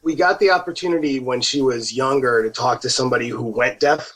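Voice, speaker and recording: A man's voice: mid-range voice, brisk, a bit bright, low-quality recording. A man on a podcast, the guest's father, explaining things about her with light humor. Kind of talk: casual chat.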